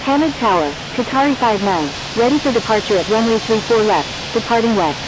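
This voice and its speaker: A woman's voice: expressive, fairly quick, lightly acted. A woman voicing a businesslike airline pilot in a flight simulator, with formal, clipped cockpit-headset calls. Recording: clear hiss and ambient rumble.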